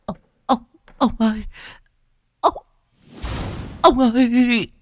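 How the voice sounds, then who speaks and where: Guy doing a freaked out mom, high and shaky, stuttering, begging. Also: fairly even intonation, drawn-out words, darkish tone, slight background noise, full character voice. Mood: terrified. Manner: stammering, pleading. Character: terrified middle-aged wife and mother, panicky.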